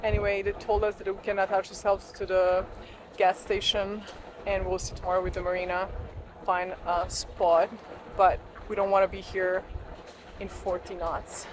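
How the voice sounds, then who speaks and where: A woman's voice: mid-range voice, level tone, normal speed. A woman in her thirties with a continental European accent, chatting casually for a sailing vlog. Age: 30s. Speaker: sailing vlogger. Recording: noisy on-board boat recording.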